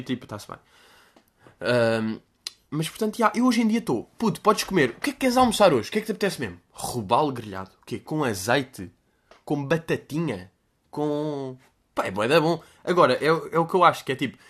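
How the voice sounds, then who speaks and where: A man in his twenties with a European Portuguese accent, hosting a casual solo podcast in a rambling, slangy, joking way, now and then breaking into loud shouted bits. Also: a little high. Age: 20s. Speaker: podcast host.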